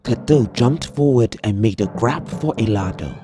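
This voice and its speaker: Female storyteller, very low pitch, expressive storybook read with music under it. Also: moderate pace. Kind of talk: storybook reading.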